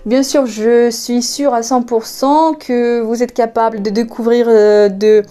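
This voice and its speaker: Russian-accented woman, language teacher; slow, patient, mellow voice. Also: fairly high pitch, steady tone, smooth. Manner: patient, spells out letters slowly. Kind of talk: online language lesson.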